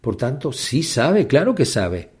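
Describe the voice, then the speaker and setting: A man's voice: big pitch swings, unhurried, darkish tone. A man preaching a sermon with fervor, repeating phrases and rising into sudden emphatic peaks. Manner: impassioned, repetitive, with sudden high emphatic outbursts.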